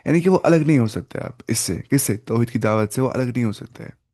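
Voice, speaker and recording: A man teaching the Quran in Urdu goes through word meanings carefully, asking and then answering his own questions. He uses some English, recites Arabic phrases slowly, and speaks in a dark, mid-range voice with lively intonation.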